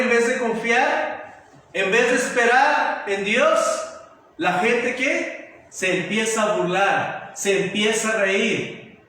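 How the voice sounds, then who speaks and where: A man's voice: very high voice, pushed and bright. A man preaching a sermon as pastor, emphatic and repetitive, often asking the congregation rhetorical questions. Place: church sanctuary. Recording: very echoey church hall from far off.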